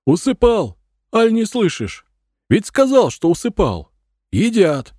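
A man voicing an old, bent, grey-haired peasant grandfather who speaks slowly in folk speech. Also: high-pitched, huge pitch swings, darkish tone, dry recording, clean studio sound, voice pushed up, full character voice. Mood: shouting. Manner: slow, wary folk speech.

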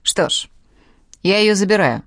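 A woman reading the part of a plump little European man who speaks in a calm, matter-of-fact way in an audiobook. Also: medium pitch, measured pace, no room sound, studio quality, pitched above the performer's own voice. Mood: businesslike.

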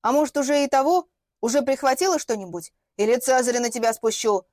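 A woman's voice: on the high side, lively intonation, moderate pace, a little mellow, no room sound, studio quality, close to an everyday voice. A woman reading an audiobook, voicing a stern middle-aged woman who walks her dog and barks orders. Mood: threatening. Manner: barking, bossy, turning fussily kind.

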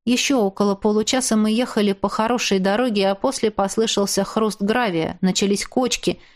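A woman narrating a novel in the first person with steady, even storytelling. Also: mid-range voice, fairly quick. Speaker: audiobook narrator.

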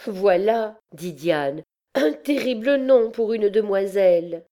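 A woman's voice: mid-range voice, animated, slow, dark tone, voice pushed up. A woman voicing a teasing, chattering young noble girl.

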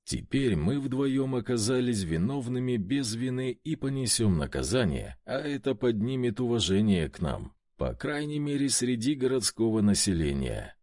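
A man narrating a first-person story in an expressive audiobook reading. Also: mid-range voice, moderate pace, hardly any pauses, no echo, clean studio sound.

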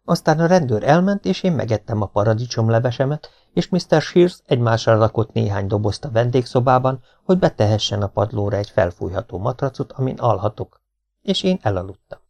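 A man reading an audiobook aloud as first-person narration, in a plain, flat manner. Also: medium pitch, no room sound. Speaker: audiobook reader. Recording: dull lo-fi home recording.

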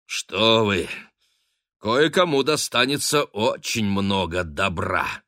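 A man voicing a weary old sea captain in an audiobook, speaking in a booming, grim and forceful manner. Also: animated, slow pace, no echo, clean studio sound, exaggerated voice. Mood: bitter.

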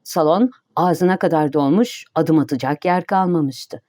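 A woman narrating an audiobook in a steady, even reading voice. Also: deep voice, unhurried, no room sound, studio quality.

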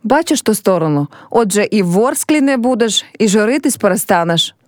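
A woman's voice: medium pitch, expressive, a little fast, dry recording, studio quality, natural voice. A woman reading a play aloud and voicing a teasing, scheming young village man.

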